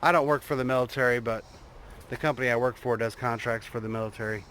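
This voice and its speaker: A man talking casually and unscripted to his vlog viewers, rambling and halting as he thinks, outdoors in a driveway. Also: medium pitch, level tone, a bit bright, a little hiss or hum. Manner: rambling, halting, trailing off mid-thought. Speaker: vlogger showing a truck build.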